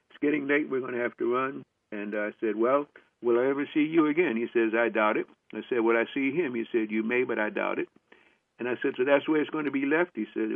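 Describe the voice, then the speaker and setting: A man's voice: mid-range voice, creaky, no room sound. An older man telling a personal story as a lecturer, acting out the dialogue he remembers with many "I said" asides. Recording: tinny phone-like dry recording.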